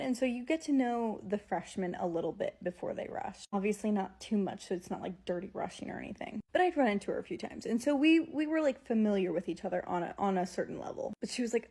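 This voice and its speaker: A woman's voice: mid-range voice, a little mellow. Young adult female, American, bubbly sorority-girl type, casual conversational storytelling with plenty of filler "like". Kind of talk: casual chat to camera, storytelling.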